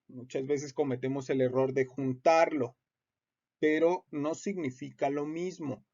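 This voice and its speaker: A man explains spelling rules for court documents in a patient lecture. His fairly high voice carries a gravelly edge. The sound is muffled and lo-fi. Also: mellow. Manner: patient, repeats points with many hesitations. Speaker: teacher. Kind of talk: explanatory lecture on legal writing. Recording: muffled lo-fi audio.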